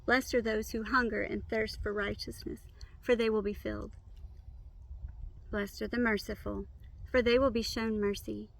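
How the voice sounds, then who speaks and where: A woman reciting memorized scripture by rote, in measured, complete phrases. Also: mid-range voice, flat delivery, gravelly, poor audio.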